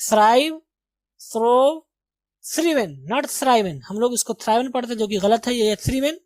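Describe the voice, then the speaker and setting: A woman's voice: a little high, dry recording. Lady teacher going over english words one by one, asks and answers herself, dry mic. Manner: slow, deliberate pronunciation drills with quiz questions. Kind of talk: vocabulary lesson.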